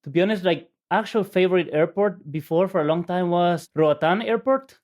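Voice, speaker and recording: Relaxed, laid-back man from El Salvador. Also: sits high, moderate pace. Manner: relaxed, laughing easily, lots of fillers. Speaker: podcast guest, innovation agency CEO. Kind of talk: casual interview chat.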